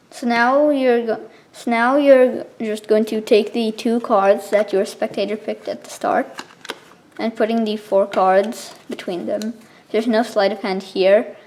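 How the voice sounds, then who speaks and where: A woman explaining something step by step in a casual, informal tutorial style, with halting pauses between steps. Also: medium pitch, a little mellow. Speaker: card trick tutorial presenter.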